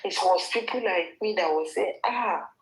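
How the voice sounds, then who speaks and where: A woman with a Nigerian accent records a gossip commentary vlog, speaking in a fairly low voice at a moderate pace over a rough recording. She gives her opinion and scolds the woman she's discussing, addressing her directly.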